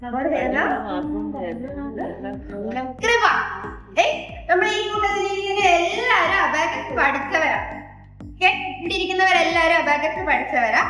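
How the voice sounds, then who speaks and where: A woman's voice: extremely high pitch, animated, moderate pace, pauses often. Lady teacher, singsongy questions to kids, super echoey classroom, faint music behind. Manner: sing-song, coaxing questions to children. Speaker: abacus teacher. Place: classroom with children.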